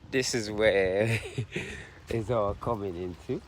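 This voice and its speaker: Filming himself with a handheld camera as he jogs a park trail, a vlogger and long-distance runner muses softly in a fairly low voice, halting often. It's a casual, reflective vlog recorded outdoors, with noticeable background noise.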